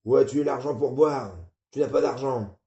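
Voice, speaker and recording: A man's voice: mid-range voice, normal speed, dark tone, pitched above the performer's own voice, close to an everyday voice. A man voicing an enraged father who bellows insults at his drunk son. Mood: raging. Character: furious drunk-hating old father, bellowing. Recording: muffled, roomy.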